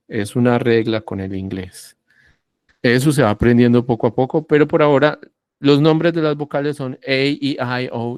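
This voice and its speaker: A man's voice: mid-range voice, a little mellow, no echo, clean studio sound. A man teaching an online English class, explaining patiently and spelling letters out one at a time.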